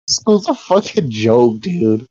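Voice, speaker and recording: A man's voice: medium pitch, very animated, slow pace, dark tone, slightly rough. A man co-hosting a podcast, telling a rambling, profane story and laughing often in casual chat. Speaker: podcast co-host. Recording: dull lo-fi sound.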